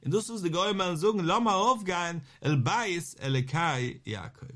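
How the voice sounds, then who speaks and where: Man, Talmud lesson, slightly high voice, reads the text then explains it, sing-song quotes. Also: moderate pace, sharp tone. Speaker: Talmud teacher.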